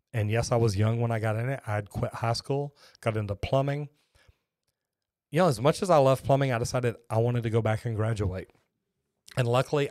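Hosting his plumbing live stream, a master plumber from Texas in his fifties chats with viewers, folksy and rambling, restarting as he goes. His mid-range voice is a bit mellow, picked up by a close boom-arm studio mic in a small shelved home studio with no room sound.

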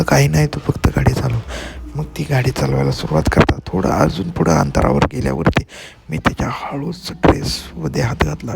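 A man telling a first-person story as a channel host, often dropping into a hushed whisper. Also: medium pitch, creaky. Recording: loud background noise with clicks.

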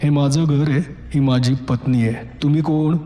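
A man voicing a firm young man who calmly questions a stranger at his door in a horror audiobook. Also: a little high, normal speed, a little hiss or hum, lightly acted. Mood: stern.

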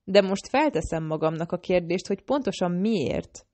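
A woman reading the part of a scheming male assassin in an audiobook, speaking in a low, urgent, persuasive way. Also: lively intonation, darkish tone. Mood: probing.

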